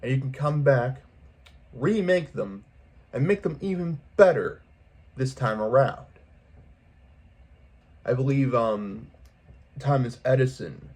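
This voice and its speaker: A man with a husky, darkish, medium-pitched voice addresses his viewers in a casual vlog monologue. The unscripted pep talk is earnest and rambling, with repetition for emphasis.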